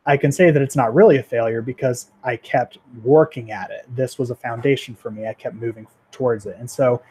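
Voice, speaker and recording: A young man in his twenties talks casually over a livestream with a mid-range voice. He rambles, restarts sentences and fills gaps with ums and likes. He pokes gentle fun at himself as he goes. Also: medium pitch, a little fast, slight background noise. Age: 20s. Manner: rambling, self-deprecating, lots of fillers and restarts. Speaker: 3D animator livestreaming.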